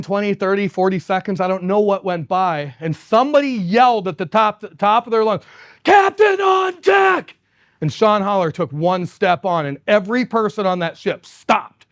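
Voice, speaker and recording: Keynote speaker: man, high voice, animated storyteller, dry close sound. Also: dry recording. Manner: animated, laughs often, acts out quoted people. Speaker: company executive giving a keynote. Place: conference stage.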